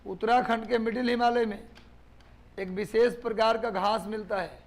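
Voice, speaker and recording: A man's voice: high voice, fairly even intonation, moderate pace. A man from Bihar, teaching a live online class, repeating points for dictation and quizzing students. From Bihar, India. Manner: repetitive dictation, drilling students with questions.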